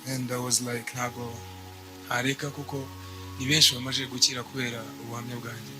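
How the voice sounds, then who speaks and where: A young man from Rwanda giving a church testimony in short, measured phrases, pausing for an interpreter. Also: medium pitch, flat delivery, music in the background. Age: young adult. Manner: measured, speaks in short bursts.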